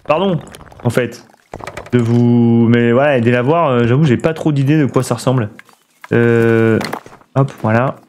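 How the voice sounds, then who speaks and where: A man's voice: medium pitch, a little slow, darkish tone, slight background noise. A man streaming a building game, thinking aloud and chatting with his viewers in a casual way. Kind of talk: casual let's play commentary.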